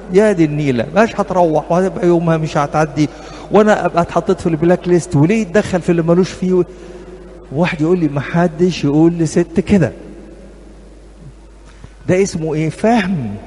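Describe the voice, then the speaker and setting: Egyptian guy talking to couples at church, quick and kinda high, funny stories, echoey hall. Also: darkish tone. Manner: humorous, anecdotal, addresses audience directly. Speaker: church marriage counselor. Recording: reverberant hall, faint background noise.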